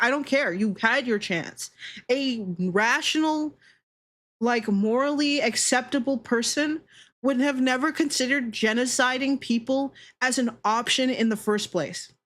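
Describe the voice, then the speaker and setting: Her voice sits on the high side with a fairly bright tone as this livestreaming VTuber host talks casually. She doesn't hold back, swearing freely, giving blunt takes and saying things twice for emphasis.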